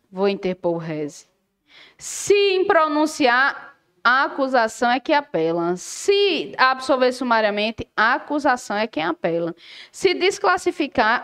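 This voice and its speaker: A woman with a high, bright voice gives a law lesson for exam prep. She is lively and keeps questioning her students, then answers the questions herself. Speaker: law teacher.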